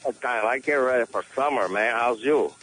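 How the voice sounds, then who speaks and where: A man's voice: mid-range voice, moderate pace, fairly bright tone, faint music behind, close to an everyday voice, rough recording. A man playing a folksy, scheming caller who speaks broken English on a radio call-in show. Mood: jokey. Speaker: comic call-in character. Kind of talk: radio call-in comedy bit.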